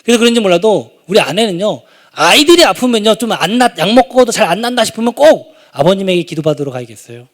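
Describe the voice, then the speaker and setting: Animated high-voiced pastor preaching. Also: male voice, fast talker, few pauses. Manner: animated, swings from quiet asides to loud exclamations. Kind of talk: sermon with personal story. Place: church sanctuary.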